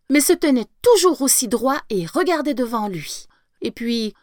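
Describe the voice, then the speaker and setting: A woman's voice: a little high, no echo, studio quality. A woman reading a fairy tale aloud expressively, sometimes dropping to a whisper. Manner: expressive, slowing and whispering for effect. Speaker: storyteller. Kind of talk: storybook read-aloud.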